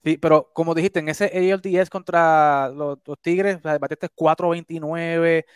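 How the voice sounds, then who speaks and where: A man's voice: fairly high pitch, fairly even intonation, normal speed, clean tone. A man hosting an interview, offering frequent short affirmations and follow-up questions. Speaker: interviewer, host. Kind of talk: casual interview.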